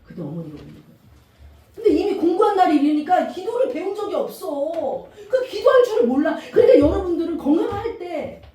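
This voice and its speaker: A middle-aged woman pastor preaching a sermon, animated and emphatic, asking the congregation questions. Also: very high voice, a little fast, a little hiss or hum. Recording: echoey room from far off.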